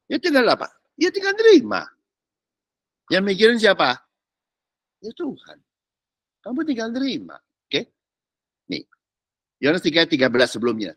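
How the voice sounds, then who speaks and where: Man, preacher, high voice, lively swoops, dry close sound. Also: no echo. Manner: animated, teasing, slangy Jakarta street talk. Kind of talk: sermon.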